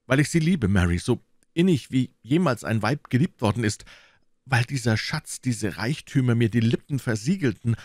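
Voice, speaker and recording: A man's voice: medium pitch, animated, moderate pace, darkish tone, no echo, voice pushed up, lightly acted. A man reading aloud and voicing an earnest, heartfelt Victorian doctor in a voice close to his own. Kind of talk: audiobook reading.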